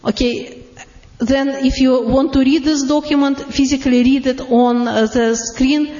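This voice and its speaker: High-voiced woman with a heavy Russian accent. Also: fairly even intonation, warm tone. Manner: halting, many "uh" fillers, laughs easily. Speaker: product presenter. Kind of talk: live product demonstration to an audience. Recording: roomy, dull lo-fi room recording.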